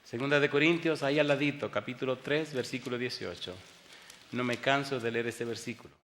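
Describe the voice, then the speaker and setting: Booming preacher man in a reverberant hall. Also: steady tone, a little fast, a little hiss or hum. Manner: rhetorical call-and-response questions; swings between booming emphasis and hushed storytelling. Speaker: pastor. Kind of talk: preaching a sermon. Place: church sanctuary during a televised service.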